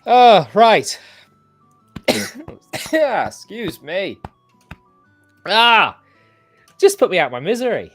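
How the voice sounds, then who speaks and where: A man's voice: high voice, sing-song, drawn-out words, pauses often, no room sound. English guy hosting a stream, rambling, keeps restarting, dry close sound, faint music behind. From England. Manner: rambling, self-deprecating, many restarts. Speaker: host. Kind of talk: casual chat on a livestream.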